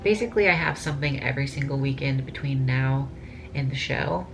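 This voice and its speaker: Low-voiced chatty woman in her twenties. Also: fairly quick, creaky, background noise. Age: 20s. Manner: chatty and rambling, with many "like" fillers. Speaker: vlogger, bikini competitor. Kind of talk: casual chat to camera.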